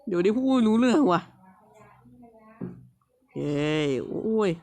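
A man's voice: sits high, animated, measured pace, a little mellow. A man giving casual let's-play commentary on a platform game, playful, teasing and scolding the game characters with frequent little exclamations.

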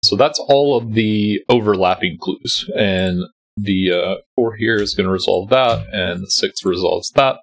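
Over a screen recording, a man hosts a calm sudoku walkthrough in a lowish, slightly bright, stuffy voice, and the recording itself is rough. His pace is measured as he patiently explains his reasoning step by step, thinking aloud.

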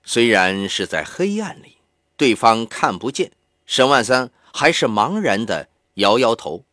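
Lively male audiobook narrator. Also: mid-range voice, unhurried, dry recording. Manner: expressive storytelling.

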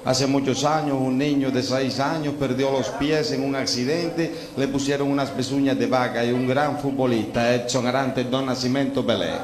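A man's voice: mid-range voice, steady tone, normal speed, few pauses. Man telling jokes before a crowd. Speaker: joke teller. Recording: echoey room with crowd.

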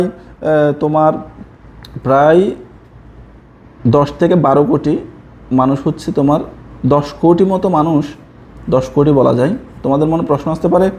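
A man's voice: fairly high pitch, a little mellow, slight background noise. A young man from Chittagong with a Chittagonian Bengali accent, teaching a coaching lesson from slides and repeating key answers to his students. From Chittagong, Bangladesh. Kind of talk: slide-based exam prep lesson.

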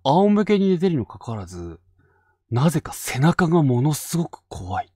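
A man from Fukushima hosting and narrating a spoken ghost story, dropping to hushed tones for tension. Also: fairly high pitch, big pitch swings, moderate pace, slightly rough, no room sound, studio quality. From Fukushima Prefecture, Japan. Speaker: ghost story teller and host.

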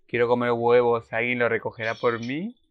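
A man in his twenties with an Argentine Spanish accent hosts a reaction video, giving casual commentary as he reads subtitles aloud and exclaims between them. His mid-range voice is monotone and clean, at normal speed, with lo-fi sound.

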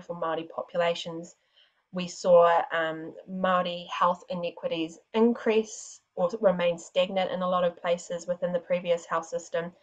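A woman speaking as a panellist on a public policy panel, answering in a measured, methodical way. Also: fairly low pitch, highs cut off.

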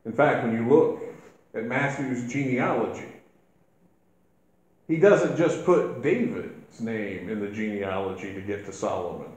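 A male minister preaches at an unhurried, measured pace. His voice rings through a very echoey church sanctuary, and it lifts with emphasis when he quotes scripture. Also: medium pitch, a little mellow. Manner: slow, deliberate preaching with emphatic rises when quoting scripture. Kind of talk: sermon.

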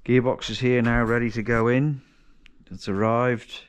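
Speaking a little slowly at medium pitch, this man's voice is clear and resonant with a level tone. He vlogs as a home mechanic, casually talking through an engine rebuild as he works, with restarts and self-corrections along the way. He's in a large, cluttered indoor garage, recorded by a chest-mounted action camera.

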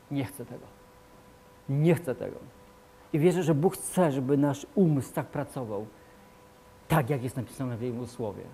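Guy preaching a sermon, slightly high voice, punchy and repetitive, gets loud then drops quiet. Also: slight background noise. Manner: emphatic, repetitive, swings between loud and quiet. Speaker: pastor.

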